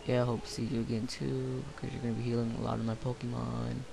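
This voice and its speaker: A man's voice: medium pitch, completely flat delivery, quick pace, creaky, crowd noise. A tired young man rambling through casual let's-play commentary late at night, offhand and full of fillers. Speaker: gameplay commentator. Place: home room, late night.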